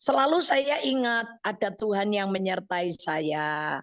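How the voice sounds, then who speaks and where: A middle-aged woman evangelist with a Javanese accent, telling a personal testimony on a radio counseling show, animated and acting out what she said. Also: mid-range voice, unhurried, no echo, lo-fi sound. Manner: animated storytelling, acts out her own quoted words. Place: radio studio.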